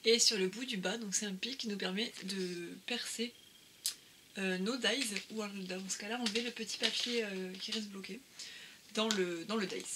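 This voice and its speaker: A craft vlogger talks casually about her craft purchases in a haul video, hesitating often with many "euh" fillers and restarting sentences. Her voice is at an ordinary pitch with fairly even intonation. Clear background noise with occasional clicks runs underneath.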